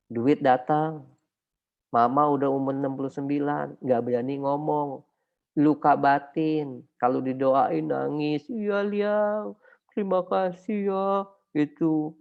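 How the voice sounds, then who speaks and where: An older man, a pastor, preaching a casual, story-filled sermon, swinging between loud and soft. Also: vocal fry. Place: church. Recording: dull low-fi online service recording.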